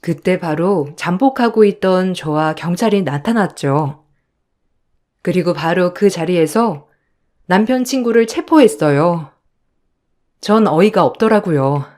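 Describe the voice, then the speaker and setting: A woman narrating a first-person story in a steady, indignant storytelling manner. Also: lowish voice, a little slow.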